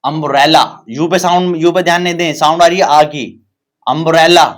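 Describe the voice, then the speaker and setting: A man's voice: on the high side, fairly even intonation, fairly quick, fairly bright tone. A man with an Indian English accent teaches a grammar lesson in a slightly raised voice. He drills example sentences over and over and keeps asking his students rhetorical questions. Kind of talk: classroom-style grammar lesson.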